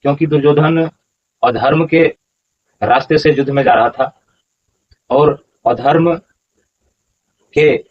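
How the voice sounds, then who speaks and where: A man's voice: fairly high pitch, slow, pauses often, dull audio. A man explaining scripture verses as a teacher, patiently repeating pronunciations syllable by syllable. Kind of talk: explanatory lesson.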